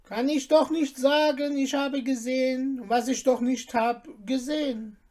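A woman's voice: sits high, steady tone, measured pace, a little mellow, voice pushed up. A woman reading an audiobook and voicing a man, a meek and sly merchant who answers evasively.

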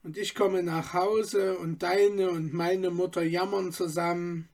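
Male reader doing a soft-spoken storybook boy, earnest, slow. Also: high-pitched, flat delivery, vocal fry, full character voice. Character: poor boy, gentle and kind-hearted. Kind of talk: storybook reading.

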